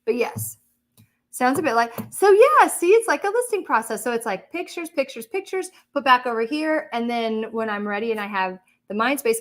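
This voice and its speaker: A chatty woman hosting a casual livestream, laughing often and reading viewer comments. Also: fairly high pitch. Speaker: livestream host.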